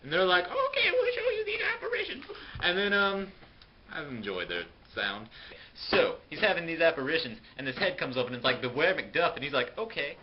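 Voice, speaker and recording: Brief: young male narrator, sarcastic slangy retelling, animated, muffled home video with faint hiss. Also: fairly high pitch, a little fast. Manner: goofy, sarcastic, slangy storytelling. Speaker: narrator of a student skit. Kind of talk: comic retelling with put-on voices.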